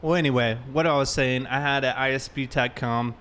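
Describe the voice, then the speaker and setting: Greeting viewers in a friendly way, a streamer playing a police roleplay game chats casually in a brisk, mid-range voice. His tone is fairly bright and his intonation fairly even. The clip carries clear background noise.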